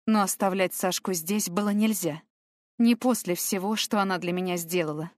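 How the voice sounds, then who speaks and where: A woman's voice: on the low side, moderate pace, darkish tone, no echo, studio quality. A woman reading a novel aloud in first person, telling it in a tense, emotional way. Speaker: audiobook reader. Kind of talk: scripted first-person narration.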